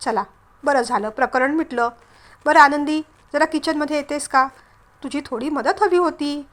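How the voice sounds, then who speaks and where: A woman's voice: sits high, moderate pace, fairly bright tone. A woman reading a soothing, caring aunt. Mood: gentle. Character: caring middle-aged aunt, peacemaker of the house.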